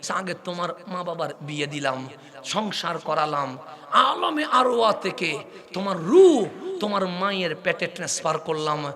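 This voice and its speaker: A man from Chittagong with a Chittagonian Bengali accent preaching a waz sermon, speaking fast and rising into impassioned shouting with rhetorical questions to the crowd. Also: high voice, big pitch swings. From Chittagong, Bangladesh. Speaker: Islamic preacher.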